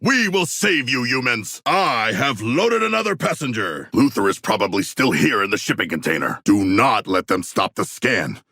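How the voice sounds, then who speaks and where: An actor playing a huge, proud, bookish male shark warrior in a video game, speaking in formal, stilted, literal-minded phrases with a gravelly, husky voice. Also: lowish voice, sing-song, normal speed, hardly any pauses, pushed and bright, dry recording, clean studio sound, heavily acted. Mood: earnest, matter-of-fact. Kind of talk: video game character voice lines.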